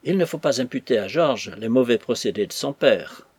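A man voicing a loyal young army captain in an audiobook, speaking calmly and politely with a husky voice. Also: mid-range voice, normal speed, no echo. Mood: earnest. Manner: calm, polite, persuasive. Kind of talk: audiobook character voice.

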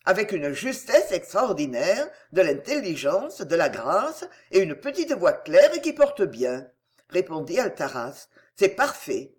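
A woman's voice: fairly low pitch, sing-song, a little slow. A woman voicing an enthusiastic, opinionated male theatre manager in a read-aloud story. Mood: appraising.

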